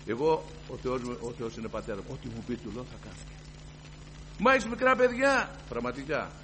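A man giving a fervent personal testimony to a congregation, moving from hushed storytelling to loud declarations. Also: medium pitch, a little hiss or hum, low-quality recording. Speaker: church member giving testimony.

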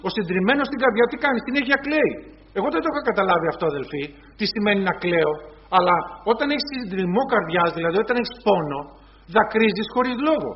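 High-voiced man preaching a sermon. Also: animated, lo-fi sound. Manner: retells scenes in quoted voices, addresses congregation as brothers.

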